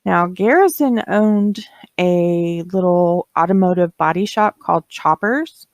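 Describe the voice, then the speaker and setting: A woman's voice: fairly low pitch, a little slow, no echo, highs cut off. A woman hosting a true crime podcast, narrating casually with blunt, opinionated asides.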